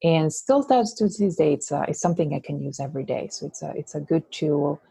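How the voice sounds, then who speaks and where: A woman's voice: low voice, animated, a little fast, creaky, mellow, slightly rough, no echo. A woman from Switzerland with a Swiss Italian accent, a guest coach in an interview, talking thoughtfully with many fillers and restarts. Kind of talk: interview conversation.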